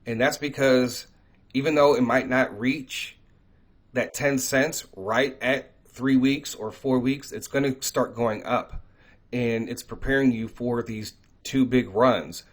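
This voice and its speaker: A man's voice: mid-range voice, fairly even intonation, slow. A man hosting an online talk, speaking conversationally with many fillers and frequent "right?" check-ins. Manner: reads quoted prophecies aloud. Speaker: crypto channel host. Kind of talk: casual talk to camera.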